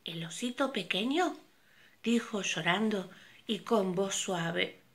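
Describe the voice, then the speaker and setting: Older woman narrating a children's story, slow and animated. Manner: slow and very expressive, leaping pitch.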